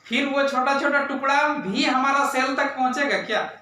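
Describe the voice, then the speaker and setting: This science teacher has a very high voice with a steady tone, speaking at normal speed with a pushed, bright quality. He quizzes the class, repeats key terms and leans on "right?" a lot, recorded indoors by a camera far across a very echoey room.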